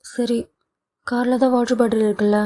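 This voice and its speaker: A woman's voice: little pitch movement, mellow, lightly acted. Woman voicing a pleading young wife in an audio novel. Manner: higher, quick, pleading delivery. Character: young wife, playful, impulsive, pleading when upset.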